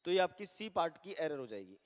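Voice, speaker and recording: High-voiced man teaching grammar. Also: sing-song, in a large hall. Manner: mixes Hindi and English, reads examples slowly. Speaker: English teacher. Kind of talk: recorded online grammar lesson.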